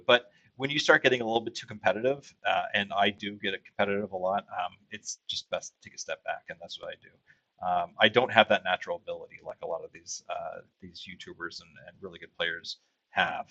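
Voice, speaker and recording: A man's voice: fairly low pitch, sharp tone, rough recording. A man from Texas hosting a casual livestream, rambling with many fillers as he reads viewer comments aloud. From Texas, USA. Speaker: livestream host.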